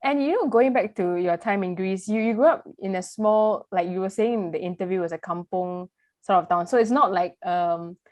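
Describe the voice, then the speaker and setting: A woman's voice: mid-range voice, moderate pace, darkish tone, no room sound. Chatty female interview host. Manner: chatty, rambling questions with fillers. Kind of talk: casual interview hosting.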